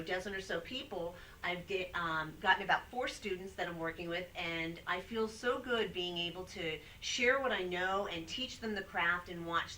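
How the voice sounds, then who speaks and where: Woman guest, voice-over pro, bright lively storyteller, off-mic live-stream sound. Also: mid-range voice, distant mic, slight background noise, poor audio. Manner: animated storyteller, acts out quotes. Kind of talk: casual interview chat.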